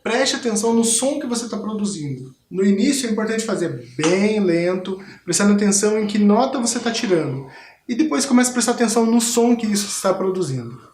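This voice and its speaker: A man's voice: high voice, lively intonation, fairly quick, darkish tone. Brazilian guy teaching rhythm, patient, clapping along, pretty noisy echoey room. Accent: Brazilian Portuguese. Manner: patient, explanatory, demonstrating body percussion. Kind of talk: school TV music lesson.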